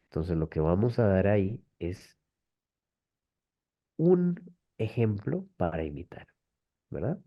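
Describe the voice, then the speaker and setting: Speaking slowly with long pauses, a Colombian webinar host presents a language method in a low, very animated voice. He explains things patiently on a video call, leaning on frequent rhetorical tag questions, and the audio comes through dull and lo-fi.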